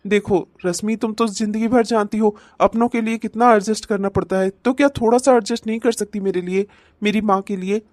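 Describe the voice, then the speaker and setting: A woman voicing a torn young husband who pleads gently in a cartoon comedy. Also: medium pitch, fairly even intonation, a little fast, dry recording, studio quality, natural voice. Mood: pleading.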